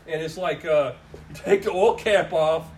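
A man's voice: on the high side, a little slow, a little mellow, slight background noise. A man in casual chat, telling a rambling, profane story with lots of laughter.

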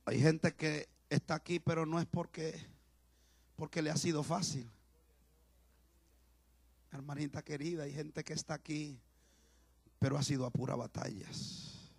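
A male pastor preaching a sermon with passion, swinging between shouts and hushed, quiet talk. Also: on the high side, steady tone, measured pace, vocal fry, long pauses, slightly rough, dry recording.

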